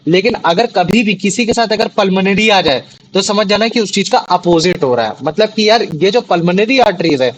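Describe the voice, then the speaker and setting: A young male teacher leads a classroom lesson, pitched fairly high for a man. He keeps circling back with questions to make sure the class follows. Faint noise sits under the recording. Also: lively intonation, a little fast, poor audio. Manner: repeats questions to check understanding.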